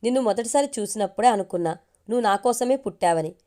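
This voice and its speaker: A man's voice: sits high, fast, darkish tone, close to an everyday voice. A woman voicing a restrained, tender young husband in an audio story. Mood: earnest.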